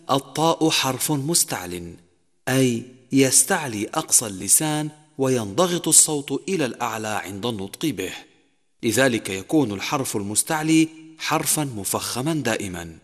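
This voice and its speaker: Man teaching tajweed in reverberant sound. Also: mid-range voice. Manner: measured, numbered points, slowed sung examples. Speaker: Quran recitation teacher. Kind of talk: scripted tajweed lesson narration. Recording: long reverb, echoey.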